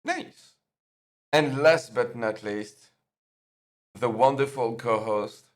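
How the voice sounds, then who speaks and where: A man hosting and moderating a live-stream panel, talking in a halting way with many pauses. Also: medium pitch. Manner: halting, lots of fillers and restarts. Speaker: host and moderator.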